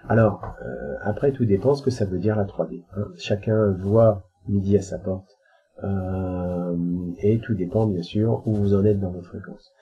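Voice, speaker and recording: A man's voice: low voice, unhurried, mellow, dull audio. A man giving a casual spiritual teaching talk, hesitant and colloquial, with frequent filler sounds. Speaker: spiritual speaker answering questions.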